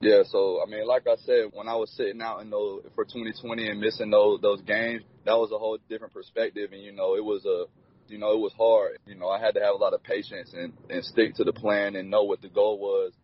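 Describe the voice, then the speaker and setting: A man's voice: fairly low pitch, level tone, a little fast. A young man in his twenties, a college football player, answering interview questions in a laid-back way, full of "you know" fillers. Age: 20s. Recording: dull lo-fi recording.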